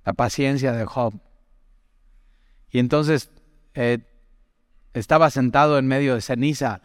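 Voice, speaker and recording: A man gives a conversational Bible talk, often turning to the listener with questions and stories from his own life. His voice is smooth and clean, with a long trailing reverb behind it. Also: medium pitch, measured pace, studio quality. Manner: chatty, asks the listener direct questions, tells personal stories. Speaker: Bible teacher.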